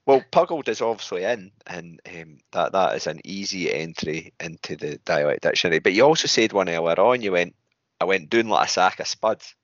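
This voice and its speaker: A man's voice: low-pitched, expressive, a little fast, no echo, muffled recording. A man with a Scottish accent hosting a podcast in casual, rambling, jokey chat. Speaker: podcast host.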